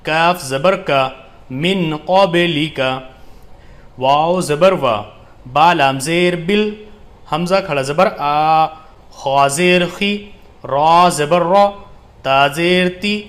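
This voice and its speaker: Man teaching Quran reading, slow recitation. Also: on the high side, fairly bright tone. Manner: slow drawn-out recitation alternating with quick explanations. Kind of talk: spelling out and reciting Quranic text for learners.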